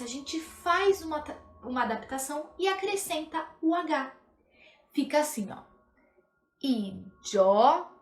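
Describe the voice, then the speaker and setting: High, lively woman teaching Italian. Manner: explains patiently, checks in with "tá?", slows down to model pronunciation. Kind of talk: live online language lesson. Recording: echoey room, livestream audio.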